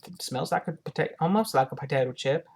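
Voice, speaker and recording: A woman giving a casual product review to her viewers, talking in a halting way and often rephrasing herself. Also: deep voice, a little mellow, slight background noise.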